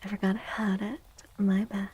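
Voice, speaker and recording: A woman hosts a livestream in soft-spoken ASMR style, often dropping to a whisper, gentle, playful, cutesy and affectionate. Her medium-pitched voice is husky, flat in delivery and moderately paced, on a low-quality recording.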